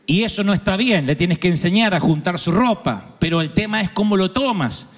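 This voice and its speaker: An Argentine preacher delivers a lively sermon in a fairly high voice, mixing jokes with sudden shouted lines as he acts out other people. The sound carries the long reverb of a large hall. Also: fairly quick. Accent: Argentine Spanish. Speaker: pastor.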